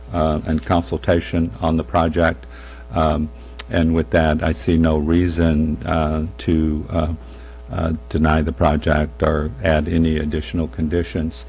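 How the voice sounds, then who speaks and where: A man chairing a public meeting in formal procedural language, with a halting delivery. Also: a bass voice, monotone, darkish tone, faint music behind. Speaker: commission chair. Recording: faint hum and noise.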